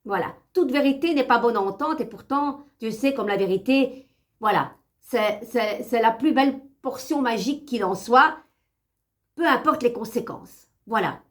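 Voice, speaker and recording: A woman's voice: fairly high pitch, normal speed. A woman with a Brussels accent, a tarot reader chatting affectionately and reading her card of the day aloud, with many restarts.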